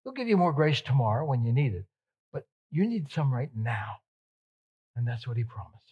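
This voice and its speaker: A male pastor preaching a sermon, repeating words for emphasis and swinging between loud emphatic peaks and soft, hushed passages. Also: medium pitch, big pitch swings, normal speed, husky, lo-fi sound.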